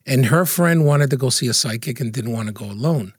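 A man with a husky voice, a guest in an interview, telling anecdotes in a lively, casual way with frequent laughs. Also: mid-range voice, fairly quick, dry recording, clean studio sound. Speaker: interview guest, feng shui consultant.

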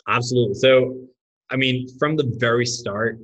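A man's voice: medium pitch, normal speed, rough recording. A man from Norway, a startup founder, talking earnestly and enthusiastically in a podcast interview.

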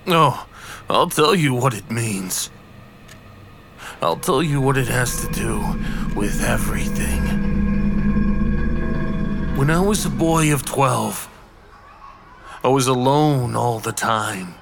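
A man playing a haunted, reclusive artist who slowly confesses his childhood paranoia in a hushed, brooding horror-story reading. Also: mid-range voice, expressive, gravelly, over loud music. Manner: slow, hushed, brooding narration.

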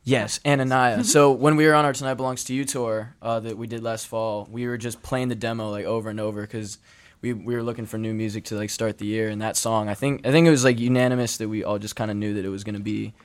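A man's voice: lowish voice, steady tone. A young man in his twenties, a boy band member, answering interview questions in a chatty way. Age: 20s. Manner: quick, chatty.

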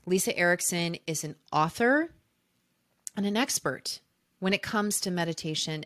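A woman's voice: mid-range voice, a bit bright. A woman hosting a love coaching podcast, speaking intimately to her listeners in a gushing way and leaning on key words. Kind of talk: podcast intro and promotion, addressing listeners intimately.

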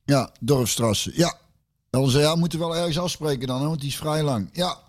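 A man's voice: on the high side, fairly quick. A man in casual chat, telling a long anecdote full of fillers, curses and his own laughter.

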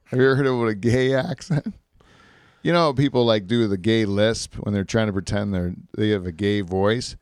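A man's voice: fairly low pitch, normal speed, a little mellow, clear, resonant tone, no room sound, studio quality. A man hosting a podcast in casual chat, rambling and laughing as he tells stories. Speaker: podcast host.

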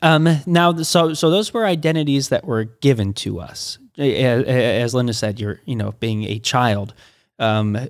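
A middle-aged pastor talks through ideas in a casual teaching conversation, halting with frequent restarts and stammers. His medium-pitched voice is recorded dry, with clean studio sound.

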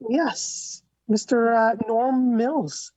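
A woman's voice: a little high, fairly even intonation, extremely slow, mellow, dry recording. A woman co-hosting by remote call, chatting casually, her voice muffled as if she were talking from a closet or through a wall. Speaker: co-host. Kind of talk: casual chat. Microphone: remote call microphone.

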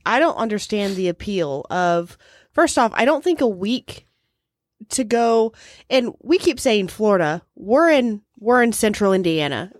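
A woman's voice: medium pitch, darkish tone, no echo, clean studio sound. A woman, chatting casually as a podcast co-host, bluntly questioning things with some exasperation. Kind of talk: casual chat.

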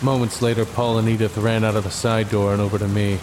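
Deadpan male detective narrator, acted. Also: lowish voice, quick pace, background noise, close to an everyday voice. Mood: deadpan drama. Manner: deadpan, matter-of-fact. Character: deadpan, dim-witted male private detective narrating his misadventures. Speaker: narrator and lead character. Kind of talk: scripted comedic noir narration.

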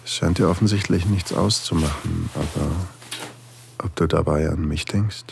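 Playing a tender, longing older single father, an actor narrates an audio drama in a soft, confiding way. He speaks at a moderate pace in a low, husky, gravelly voice, with background noise present.

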